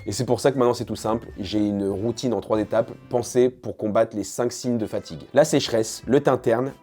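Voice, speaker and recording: A man's voice: mid-range voice, dark tone. A young man from France talking in a casual, slangy, jokey vlog style. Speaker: YouTuber.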